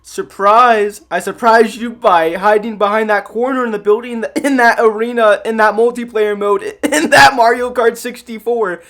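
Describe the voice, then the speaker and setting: A man voicing Wario, a loud, gloating cartoonish male game villain, in a shouty, over-the-top way. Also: sits high, steady tone, moderate pace, hardly any pauses, pitched above the performer's own voice.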